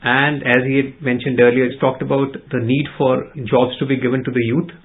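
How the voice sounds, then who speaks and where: A man with an Indian accent presenting in a news discussion, summarising a speech in a measured, explanatory way. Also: mid-range voice, little pitch movement, narrow, tinny audio.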